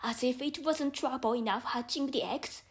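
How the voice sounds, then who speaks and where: A woman voicing a fretful, scolding, contemptuous pigeon for a storybook, shrill and exclamatory. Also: moderate pace. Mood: shrieking, harried. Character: fretful, indignant, contemptuous female pigeon guarding her eggs. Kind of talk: storybook character voice.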